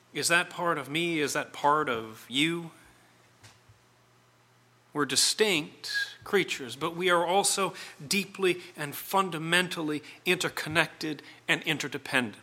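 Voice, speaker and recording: A middle-aged man delivering a reflective sermon, speaking in deliberate, measured phrases with dramatic pauses. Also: fairly high pitch, pushed and bright. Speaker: preacher.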